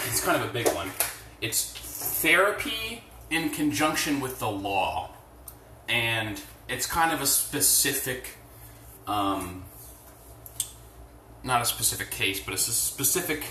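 A man's voice: medium pitch, sharp tone, far from the mic, a little hiss or hum. A man hosting a podcast on his phone while doing chores at home, ranting bluntly and profanely with lots of fillers, his voice echoing around the room. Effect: echoey room sound. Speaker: podcast host. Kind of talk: casual rambling rant. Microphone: phone without headset. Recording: echoey room, phone held away.

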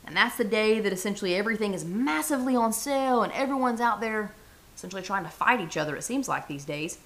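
A woman's voice: medium pitch, animated, fast talker. Upbeat chatty woman podcast host. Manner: upbeat, chatty, addresses listeners directly. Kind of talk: solo motivational podcast talk.

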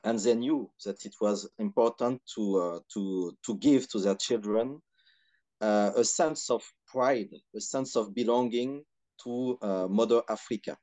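A man from Benin with a Beninese French accent gives reflective interview answers in measured, hesitant phrases with frequent pauses. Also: fairly low pitch, dark tone. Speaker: podcast guest, historian and activist.

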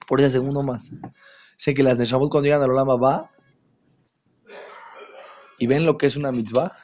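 A man teaching a religious lesson to an audience, stressing his points by repeating phrases and dropping into hushed asides. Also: medium pitch, fairly even intonation, normal speed, slight background noise. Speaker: Torah teacher. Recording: dull lo-fi recording.

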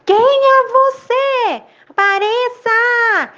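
A woman voicing a small boy who shouts out at a mountain in a high, childlike voice, on a dull lo-fi recording. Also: very slow, heavily acted. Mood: startled. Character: small boy, eager, then scared and angry.

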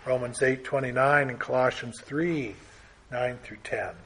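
A man's voice: medium pitch, steady tone, a little slow, a bit bright. A man preaching a Bible teaching sermon in an earnest, emphatic way, building through lists and pressing key words.

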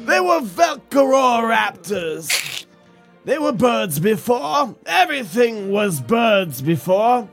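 A man voicing an old theme park guide who proclaims loudly, grandly and haltingly in a comedic script reading. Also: very high voice, sing-song, creaky, faint music behind, full character voice. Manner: loud, slow, emphatic proclaiming.

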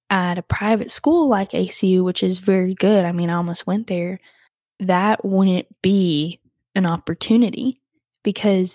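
Young woman, podcast host, casual storytelling, frequent "like" fillers, mellow tone, dry close-mic sound. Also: no room sound. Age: young adult. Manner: chatty, full of "like" fillers, jumps high when acting out others' words.

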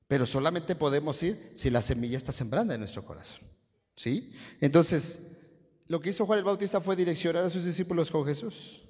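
Male preacher, high voice, asks the crowd and waits for answers, long church-hall reverb. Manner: call-and-response, quizzing the congregation. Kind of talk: sermon.

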